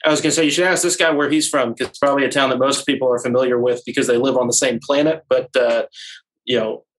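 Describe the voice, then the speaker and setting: A man's voice: medium pitch, fairly even intonation, quick pace, rough recording. A young man from the Houston area in Texas, talking casually as an interview guest. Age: young adult. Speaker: guest, real estate broker.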